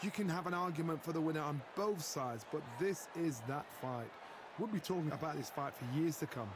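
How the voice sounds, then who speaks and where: Male actor as color commentator, earnest, dramatic, high pitch, boxing game broadcast, loud background noise. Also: expressive, a little fast, natural voice.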